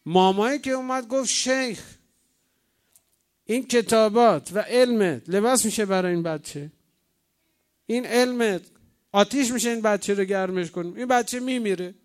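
A man's voice: extremely high pitch, voice pushed up. A man voicing a nagging woman midwife who scolds and gives urgent orders. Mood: scolding.

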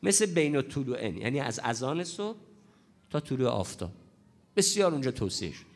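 A man preaching a religious lecture on prayer, hoarse from a cold, emphatic and repeating his key points. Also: mid-range voice, very animated.

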